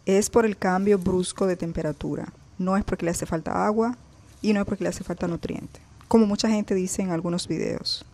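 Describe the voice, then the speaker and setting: A gardening vlogger with a lowish, dark, steady voice talks at a moderate pace. She addresses viewers casually while filming her plants outdoors on a balcony, pointing out details as she goes.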